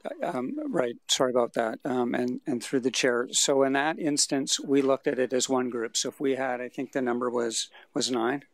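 A man presenting survey results at a city council meeting, answering questions in a measured, explanatory way through the chair. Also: medium pitch, fairly even intonation, dry recording. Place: council chamber. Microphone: desk microphone.

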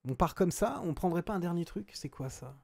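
A man's voice: sits high, expressive, a little fast, creaky, a little mellow, no echo. A middle-aged man streaming a game live, reading out chat and thinking aloud with frequent hesitations.

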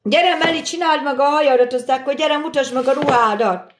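A middle-aged woman with a slightly high-pitched voice keeps up a chatty running talk into her phone. She thanks viewers and answers their comments while she cooks in a home kitchen. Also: background noise. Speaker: livestream host. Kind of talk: casual live-stream chat while cooking. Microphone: phone camera.

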